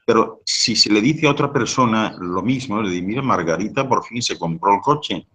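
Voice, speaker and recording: A man's voice: on the low side, animated, normal speed, pushed and bright, low-quality recording. A man giving a live talk, answering audience questions with long explanations and frequent rhetorical question tags. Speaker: guest speaker on sound and language.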